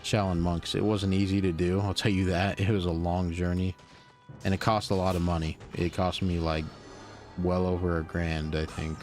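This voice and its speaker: A man's voice: low-pitched, flat delivery, normal speed, darkish tone, soft background music. A tired young man casually commenting while streaming a video game, rambling with lots of fillers and restarts. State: tired, yawning.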